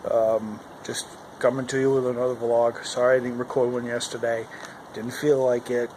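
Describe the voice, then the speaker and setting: Male vlogger, mid-pitched, rambling casual talk, recorded outside with clear wind noise over a handheld camera. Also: little pitch movement, normal speed, rough recording. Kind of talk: casual vlog chat to camera. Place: outdoors in the cold wind. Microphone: handheld camera at arm's length. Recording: windy outdoor recording, loud wind noise. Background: howling wind noise.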